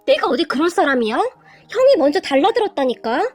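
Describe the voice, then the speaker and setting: A woman voicing a blunt, combative young husband who talks in a loud, snappish way. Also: high-pitched, big pitch swings, fairly quick, faint music behind. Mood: angry, sulky.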